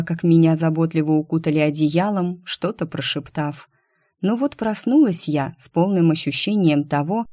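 A woman's voice: on the low side, mellow, dry recording. Wry woman narrating an audiobook. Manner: wry, dry comic delivery. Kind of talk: scripted first-person story narration.

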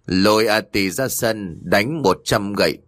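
A man voicing a stern older matriarch who gives harsh orders slowly and coldly. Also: on the low side, a bit bright, dry recording, studio quality. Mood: cold commanding. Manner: slow, imperious.

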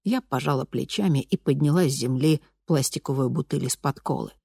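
A woman narrating an audiobook in the first person, in a calm, measured and slightly wry manner. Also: rumbling low, gravelly, slightly rough, no room sound, clean studio sound.

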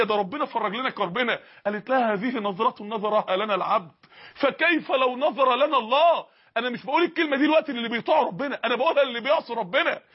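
A man's voice: extremely high pitch, slightly rough, dull audio. An Egyptian man preaching an emotional sermon, pleading with his listeners through repeated rhetorical questions. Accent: Egyptian Arabic.

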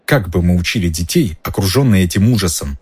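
A man voicing a stern, sharp-tongued older female professor with a clipped manner in an audiobook. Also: sits low, expressive, fairly quick, breathy edge, dry recording, full character voice. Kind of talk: audiobook character voice.

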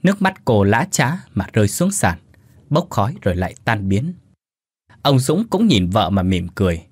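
A male storyteller reads a horror tale in a low, husky voice. His pitch moves lively and dramatic. The recording is dry and close. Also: moderate pace, dry recording. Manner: dramatic, with hesitant fillers in asides. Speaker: storyteller and channel host. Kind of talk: reading a horror story aloud.

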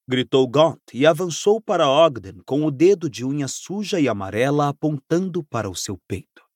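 A man narrating an audiobook with expressive, dramatic storytelling. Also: on the high side, moderate pace, no echo, clean studio sound.

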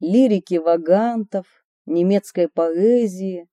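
A woman's voice: lowish voice, slow pace, mellow, no echo, clean studio sound. A woman reading her memoir aloud, telling the story expressively with a light ironic touch. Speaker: narrator of her own memoir.

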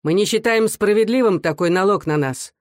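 A reader voicing a young worker who speaks loudly and firmly for his comrades. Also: mid-range voice, fairly even intonation, normal speed, no echo, studio quality, lightly acted. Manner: loud, firm and plain-spoken. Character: young worker spokesman, firm and principled man. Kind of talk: audiobook character voice.

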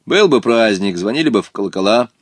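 A man's voice: lowish voice, expressive, brisk, dry recording. A man doing a fiery, mocking street boy. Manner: sharp, mocking, challenging.

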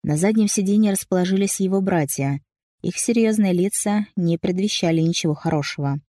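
A woman's voice: lowish voice, brisk, mellow, dry recording, clean studio sound. A woman narrating a first-person audiobook story with dramatic, emotional delivery.

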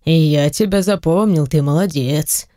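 A reader voicing a stern, quick-tempered wealthy father who speaks slowly and low. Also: dark tone, no room sound, clean studio sound, lightly acted. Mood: measured. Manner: slow, low, weighty delivery.

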